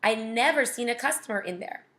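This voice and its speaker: Bright-voiced woman reading a kids' novel aloud. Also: fairly high pitch, expressive, brisk. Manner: chatty, breaks off to comment. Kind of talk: casual read-aloud with asides.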